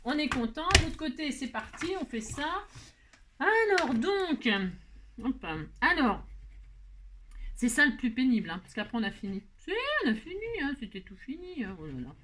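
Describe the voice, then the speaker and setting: A woman's voice: high-pitched, sing-song, normal speed, fairly bright tone. A woman hosting a crafting tutorial, chatting playfully and talking to herself while she works. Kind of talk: casual craft tutorial talk.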